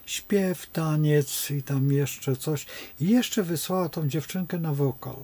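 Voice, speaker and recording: Husky, mellow-voiced male astrologer. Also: a little high, takes it slowly. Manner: rambling, digressive storytelling. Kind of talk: unscripted monologue.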